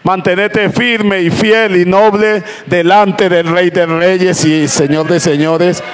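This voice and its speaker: High-voiced, slow preaching pastor. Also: male voice, fairly even intonation, clean tone. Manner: impassioned preaching with repeated "aleluya" and "gloria a Dios". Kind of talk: Spanish-language sermon. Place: church hall with congregation. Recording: church crowd faintly audible. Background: congregation responding "amén".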